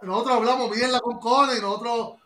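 A man's voice: very high-pitched, fairly even intonation, quick pace, echoey room, a crowd in the background. A man hosting a podcast, joking and brash in casual slangy chat. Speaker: podcast host.

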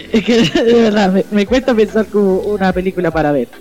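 A man's voice: sits high, a little fast, darkish tone. Young Chilean male co-host, rambling, self-mocking, faint music bed. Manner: hesitant, rambling, laughs at himself. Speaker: podcast co-host. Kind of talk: casual chat.

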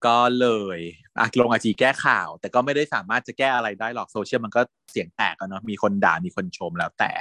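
A man's voice: fairly low pitch, fast talker, few pauses, bright, forceful tone, no room sound. Chatty man retelling drama, laughing. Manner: chatty, laughs often, blunt slangy storytelling. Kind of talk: casual gossipy recap of a TV series.

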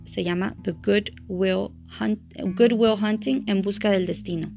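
A woman's voice: mid-range voice, fairly even intonation, unhurried, vocal fry. Woman reading aloud over guitar music. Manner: earnest, with small stumbles and self-corrections. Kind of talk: reading a book aloud with casual asides. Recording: guitar music playing underneath. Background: soft guitar music.

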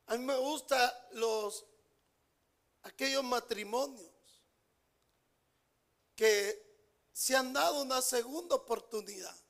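A man preaching a sermon as pastor, repeating phrases for emphasis and swinging between loud outbursts and hushed asides. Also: very high-pitched, slow pace, vocal fry, long pauses.

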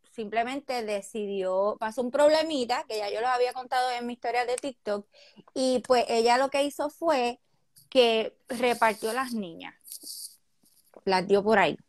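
A Puerto Rican woman in her thirties, with a Puerto Rican Spanish accent, tells her life story as a guest in a casual interview. She speaks softly and candidly with some hesitation, her voice a little high and without room sound.

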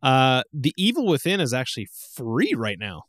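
A man at an ordinary middle pitch chats on a podcast with a dry, close sound. He tells stories with animation and acts out his own past reactions in quoted asides. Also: huge pitch swings, normal speed, a bit bright, dry recording. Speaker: podcast co-host. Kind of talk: casual chat.

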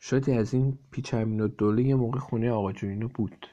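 A man reads a storybook aloud to a child and breaks off to explain things in plain, easy words. His delivery is relaxed and unhurried. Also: mid-range voice, highs cut off. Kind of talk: reading a storybook aloud and chatting.

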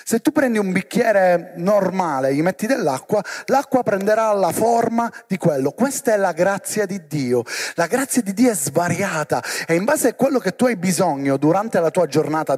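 A man giving a lively sermon to young people and often asking the crowd questions. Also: sits high. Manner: animated, asks the crowd questions. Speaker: preacher.

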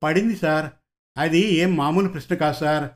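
Timid young assistant detective, read by a man, pleading plaintive tone, slightly high voice, storybook reading. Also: moderate pace, natural voice.

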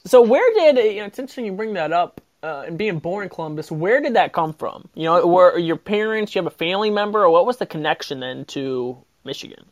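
Upbeat host man, somewhat high voice. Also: animated, fairly quick, few pauses. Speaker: podcast host. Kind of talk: casual interview.

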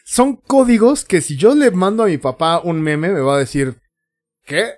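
A man's voice: high-pitched, big pitch swings, moderate pace, a little mellow. A young man with a Mexican Spanish accent, slightly drunk, co-hosting a casual podcast chat. He talks freely, laughs often and acts out the texts he quotes. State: tipsy. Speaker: podcast co-host.

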